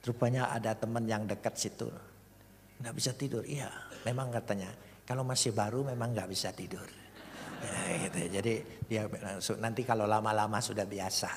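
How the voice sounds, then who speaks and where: A man preaching a sermon, telling a story in an animated way that swings between hushed asides and loud bursts. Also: mid-range voice. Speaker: pastor. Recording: reverberant hall with faint noise.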